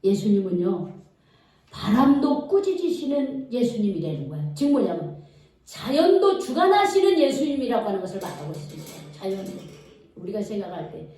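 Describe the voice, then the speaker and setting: The sermon comes from a woman whose voice is high and mellow, telling a story vividly and quizzing the congregation as she goes. It's recorded in an echoey church sanctuary with the mic at a distance.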